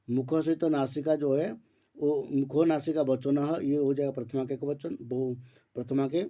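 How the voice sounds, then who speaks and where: A man teaching Sanskrit grammar online, explaining step by step, asking and answering his own questions, and reciting rules slowly syllable by syllable. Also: mid-range voice, dark tone.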